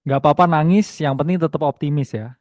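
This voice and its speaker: Clean studio audio with no room sound captures a trading teacher with an Indonesian accent running a webinar, his voice fairly high, darkish and a little fast. The young host keeps things casual and teasing, reading out the chat and ending many lines with "ya".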